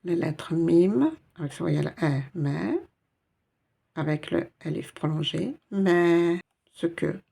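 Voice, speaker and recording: A woman's voice: lowish voice, takes it slowly, vocal fry, mellow, breathy edge. A woman teaching a step-by-step Arabic reading lesson in French, patient and explaining each letter and sound.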